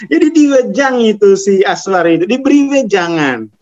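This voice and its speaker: A high-voiced man with a Javanese accent talks slowly in a relaxed spiritual chat. He chuckles often and slips into the voice of a scolding inner self. The sound is dull and lo-fi. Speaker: spiritual teacher. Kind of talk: casual spiritual talk.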